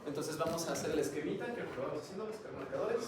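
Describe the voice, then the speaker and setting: A man's voice: a little high, lively intonation, fast. A man giving a classroom lecture, chatty and always asking the students questions. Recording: echoey classroom, mic far off, noisy.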